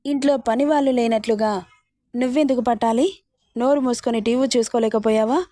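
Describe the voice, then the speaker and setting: A fussy middle-aged mother nags and scolds, as a woman narrator reads her in a soft, mellow voice. It is a romance storybook reading, dry and close. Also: a little high, fairly even intonation, brisk, no echo, close to an everyday voice. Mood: scolding.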